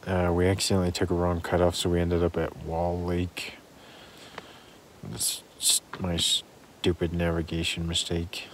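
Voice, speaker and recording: Low-voiced man on a noisy phone recording. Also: completely flat delivery, a little slow. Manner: easygoing, rambling with fillers. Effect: recorded on a phone, audio bad. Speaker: hiker vlogger. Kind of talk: casual camping vlog. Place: inside a small tent with mesh liner. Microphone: phone mic.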